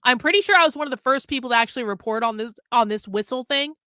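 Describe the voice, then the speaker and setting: A woman gives casual livestream commentary in a fairly high, bright and forceful voice. She is emphatic and sarcastic, often repeating a phrase to drive it home. The sound is dry. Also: quick pace, dry recording. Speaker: livestream host and self-described undercover reporter.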